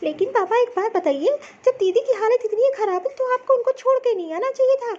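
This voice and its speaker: A very high, insistent young daughter-in-law, as a woman puts her on, pressing her family with firm scolding. She speaks up plainly in a cartoon family story. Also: animated, a little fast, a little mellow, muffled recording.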